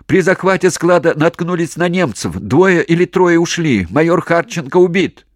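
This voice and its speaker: A man voicing a desperate battalion commander who shouts hoarsely, near hysterical, under shellfire. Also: a little high, animated, moderate pace, no echo, clean studio sound, voice pushed up. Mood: frantic shouting.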